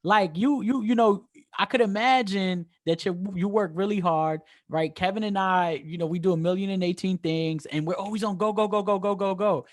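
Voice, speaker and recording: A podcast co-host with a New York Bronx accent speaks in a high voice at normal speed during a casual interview. He's enthusiastic and keeps checking in with "right?", and the studio sound is clean with no room sound.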